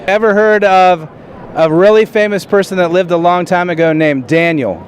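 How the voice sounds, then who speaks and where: Hosting a street interview show, this fairly high-voiced man opens with a direct-to-camera intro and then approaches passers-by with identical simple questions. His delivery is plain and halting at a normal speed, with "uh" fillers and restarted sentences, over a faint wash of traffic and urban sound.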